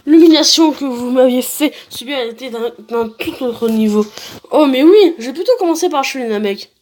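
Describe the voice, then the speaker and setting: A man's voice: very high voice, animated, a little mellow. Sneering tyrant villain for a game read-along, put on by a young male gamer. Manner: sneering, measured taunts.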